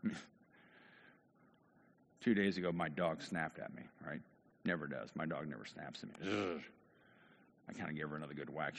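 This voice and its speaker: Casual preacher in a reverberant hall. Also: male voice, fairly low pitch. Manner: casual, animated storytelling, self-interrupting. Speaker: pastor. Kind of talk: conversational sermon.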